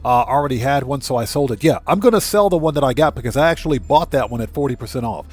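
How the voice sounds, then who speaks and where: A man's voice: mid-range voice, animated, fast talker. A man hosting a live game stream, chatting casually with viewers and repeating himself for emphasis, over game noise.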